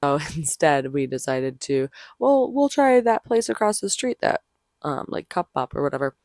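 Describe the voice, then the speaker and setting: A vlogger talks in a loose, rambling, chatty way, full of "like". The voice is hoarse and tired-out, with heavy fry, sitting at a middling pitch. The sound is dry, with little room around it. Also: big pitch swings, moderate pace, darkish tone, no room sound. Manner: rambling, frequent "like". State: hoarse, voice gone. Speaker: vlogger, convention artist. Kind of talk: casual vlog chat.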